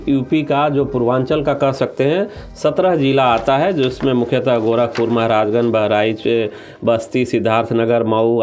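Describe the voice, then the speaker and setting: A man appears as an interview guest in his role as a government official, laying out his answers point by point with occasional English terms. His voice is mid-range and a little mellow.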